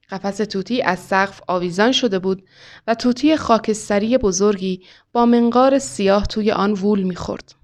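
A woman author reading her own short story in a calm, measured storytelling manner. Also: mid-range voice.

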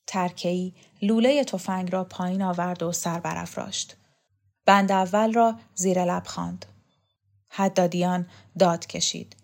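A woman narrating a novel in a calm, measured, scripted audiobook reading. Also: fairly low pitch, creaky.

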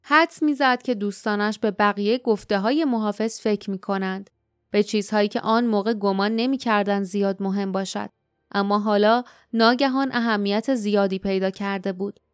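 A woman's voice: clear, resonant tone, no room sound, studio quality. A woman narrating an audiobook, reading the dialogue with light character voices. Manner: reads dialogue in light character voices, raising pitch for quotes. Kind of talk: scripted narration.

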